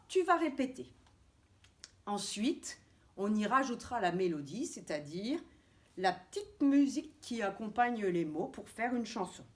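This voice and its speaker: A woman preschool teacher giving a reading lesson to young children over a camera, sounding out letters slowly and carefully in a coaxing way. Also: mid-range voice. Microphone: camera mic.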